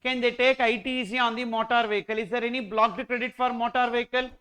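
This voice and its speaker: A man's voice: very high voice, little pitch movement, fast, pushed and bright, clean tone. A man with a Tamil Indian accent giving a classroom lecture as an exam coach, often asking questions and answering them himself. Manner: mixes Tamil into English.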